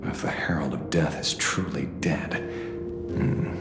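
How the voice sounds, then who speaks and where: An actor playing a jaded, defiant detective in a game, sardonic and deliberate in delivery. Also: male voice, sits low, very animated, echoey room, over loud music. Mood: wry, brooding. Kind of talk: dramatic game voice acting.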